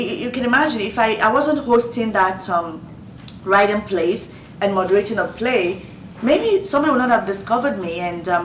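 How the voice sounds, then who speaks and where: A woman in her fifties from Nigeria, speaking with a Nigerian accent, gives earnest advice in a motivational Q&A and repeats phrases for emphasis. Her voice is mid-range and fairly bright, recorded on a roomy, distant mic with faint noise.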